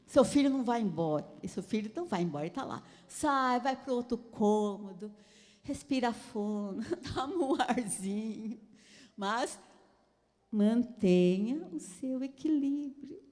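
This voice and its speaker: A woman's voice: fairly high pitch, animated, measured pace, a little mellow, long reverb tail. A woman with a Brazilian Portuguese accent giving a conversational church talk on parenting, chatty, laughing often and asking listeners for agreement. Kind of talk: conversational sermon with personal stories.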